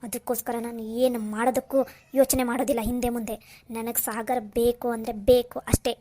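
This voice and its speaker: A woman's voice: on the high side, little pitch movement, moderate pace, warm tone, a little hiss or hum, lightly acted. A woman voicing a headstrong young daughter in a cartoon who insists on getting her way. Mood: defiant. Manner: insistent and defiant. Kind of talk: Kannada cartoon voice acting.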